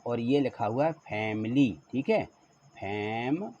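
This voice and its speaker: A man's voice: mid-range voice, animated, slow, warm tone, a little hiss or hum. A man teaching a school lesson patiently, repeating each word and asking the class to say it back. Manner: patient, repeats words and asks questions back. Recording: dull lo-fi recording.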